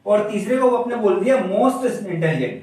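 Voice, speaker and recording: A man with a high voice teaches a grammar class. He keeps asking questions and answering them himself. His voice rings around a very echoey room and comes from some distance away from the mic. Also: expressive, measured pace, darkish tone.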